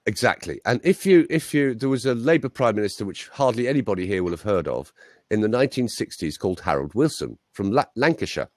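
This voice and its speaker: A man's voice: lowish voice, fast, no room sound, clean studio sound. A man, a voice coach, telling anecdotes in a casual interview chat over a video call. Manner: lively anecdotal storytelling.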